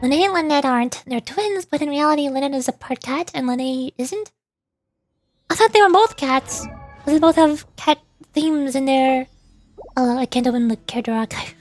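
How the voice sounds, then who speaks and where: Faint music plays behind a woman with a high voice speaking at normal speed. Streaming a game, she chats casually, reads game lines aloud, and keeps wondering aloud in questions.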